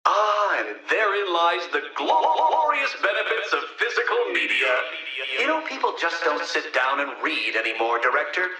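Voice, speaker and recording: A man's voice: fairly high pitch, sing-song, moderate pace, pushed and bright, husky, soft background music, exaggerated voice. A man playing a smug, pompous supervillain genius in a video game, mocking and theatrical, his words echoing through a speaker system. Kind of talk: video game villain dialogue.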